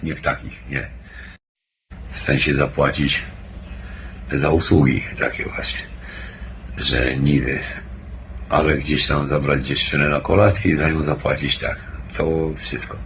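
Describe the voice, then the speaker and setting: A man with an extremely deep voice rambles like he is stoned. His delivery is a casual, sluggish monologue peppered with swearing. Faint noise sits behind the recording. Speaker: vlogger.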